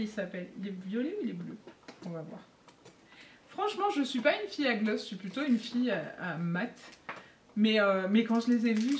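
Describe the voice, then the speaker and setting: A woman chatting excitedly and giggling as she unboxes makeup for her beauty vlog. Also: fairly high pitch. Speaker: beauty vlogger. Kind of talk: casual unboxing chat. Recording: echoey room, faint noise.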